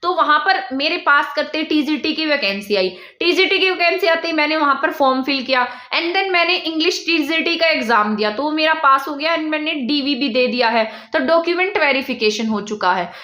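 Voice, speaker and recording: A woman's voice: sits high, lively intonation, normal speed, hardly any pauses, bright, forceful tone, echoey room. A young woman from India, teaching an exam-prep lesson and drilling points by asking and answering her own questions.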